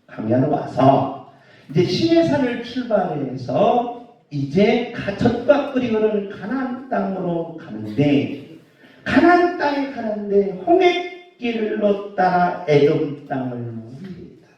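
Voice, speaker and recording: A male pastor preaching a sermon in an animated way, joking and scolding with rhetorical questions. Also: high-pitched, slow pace. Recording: roomy dull sound from far off.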